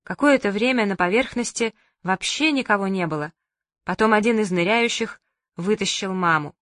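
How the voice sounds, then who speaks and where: A woman reading a lively humorous story aloud as an audiobook narrator. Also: mid-range voice, normal speed, no room sound, studio quality. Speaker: audiobook reader. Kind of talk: scripted narration.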